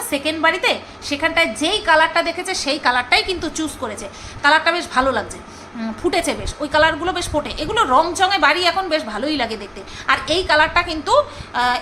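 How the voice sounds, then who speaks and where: A woman's voice: sits high, bright, forceful tone, slight background noise, rough recording. Chatty, teasing woman vlogger. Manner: chatty, teasing, scolding, mock-mimics others. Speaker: vlogger reacting to another creator. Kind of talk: casual commentary vlog.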